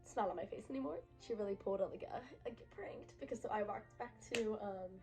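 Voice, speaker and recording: A woman's voice: medium pitch, quick pace, over music, poor audio. A young woman vlogger telling a personal story to camera in a chatty, emphatic way, full of fillers.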